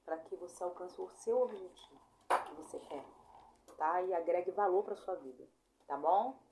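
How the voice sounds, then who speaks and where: A young Brazilian woman giving a casual online grammar lesson, chatty and informal, apologizing often and spelling sounds out slowly. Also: lowish voice, noisy background. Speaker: Portuguese teacher.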